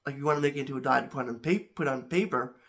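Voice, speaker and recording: The host of a home chemistry channel talks casually to camera in a medium-pitched, slightly bright voice. He sounds a little congested and speaks haltingly, with many restarts and repeated words.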